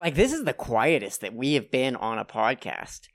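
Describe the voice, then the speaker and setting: A man's voice: mid-range voice, sing-song, moderate pace, no echo, studio quality. A man hosting a podcast, chatting casually and thinking aloud, with some "like" and restarts. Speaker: podcast host. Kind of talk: casual chat.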